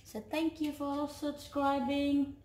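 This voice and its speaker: Frau mit indonesischem Akzent, hoch und langsam. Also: female voice, sits high, completely flat delivery, slow, a little mellow. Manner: cheerful sing-song baby talk with her toddler. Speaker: family vlogger. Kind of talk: casual chat to camera. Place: living room, on a sofa. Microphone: phone camera at arm's length. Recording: echoey living room.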